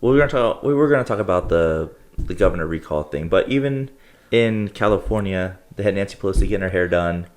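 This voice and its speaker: A man with a very low voice co-hosting a casual podcast. He speaks in short, dry, cynical remarks that undercut his partner's rants. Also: expressive, fast talker. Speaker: podcast co-host. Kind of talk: casual chat.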